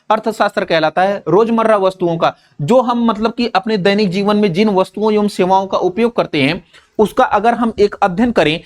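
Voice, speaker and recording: A man with a noticeably high voice teaching an exam-prep lesson. He explains with household budgets and wedding shopping lists, and often turns a point into a question before answering it himself. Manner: repeats key points as quick questions to the students; calls students "babu" and checks in with "theek hai na?".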